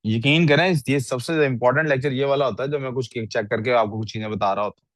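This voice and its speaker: A man's voice: medium pitch, fast, fairly bright tone, no room sound. A male English teacher on a video call, reviewing student writing and questioning the class, mixing English into his speech. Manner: questions the class often, mixes English into Urdu.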